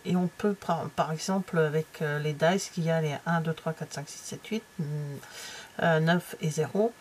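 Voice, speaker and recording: Middle-aged French woman, lowish voice, chatty home crafter with lots of fillers, faint background hum. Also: normal speed, darkish tone. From France. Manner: chatty and hesitant, many fillers and trailing asides, drops to near-whispers. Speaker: craft vlogger flipping through a stamping catalogue. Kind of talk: casual chat.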